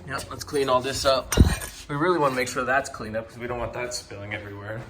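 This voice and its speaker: Brief: young adult man, mid-pitched, easygoing how-to narration over faint shop noise. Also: fast. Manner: relaxed, step-by-step, frequent fillers. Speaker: car DIY video host. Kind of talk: casual how-to narration while working. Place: home garage workshop.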